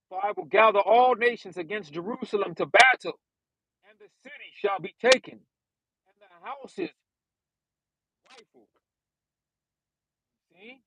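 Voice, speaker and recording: Husky-voiced young man preaching outdoors. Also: high-pitched, a bit bright, dry recording, poor audio. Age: young adult. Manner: reads verses aloud, then expounds and addresses listeners as y'all. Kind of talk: live-streamed scripture preaching.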